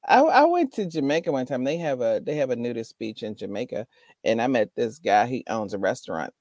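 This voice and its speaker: Animated woman telling a story. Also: very deep voice, a little fast, dry recording, studio quality. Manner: animated storyteller, laughs often, acts out quotes. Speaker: podcast co-host. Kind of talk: casual chat. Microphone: remote call mic.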